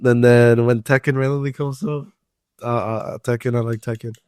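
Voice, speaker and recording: A man's voice: medium pitch, fairly even intonation, normal speed, darkish tone, dry recording, studio quality. A young man co-hosting a casual podcast with loose, joking, slangy banter. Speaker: podcast co-host. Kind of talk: casual chat.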